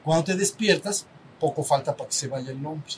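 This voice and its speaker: A man's voice: fairly quick, low-quality recording. A man with a Mexican accent, a spiritual teacher talking to a small group in a conversational way. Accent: Mexican Spanish. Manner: conversational, asks the group for assent, acts out little dialogues. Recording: faint rumble behind.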